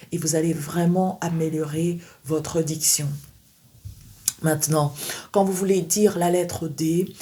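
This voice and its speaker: A woman teaching pronunciation, speaking slowly and repeating sounds and words for learners to copy. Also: on the low side, mellow. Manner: repeats sounds and words for practice, addresses viewer directly. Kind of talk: slow instructional lesson with drilled examples.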